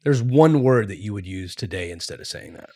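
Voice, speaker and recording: A middle-aged man talks in a loose, casual podcast chat. His pitch jumps around freely as he acts out old sayings. The sound is close and dry. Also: expressive, a little fast, dark tone, dry recording. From Texas. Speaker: podcast co-host, father.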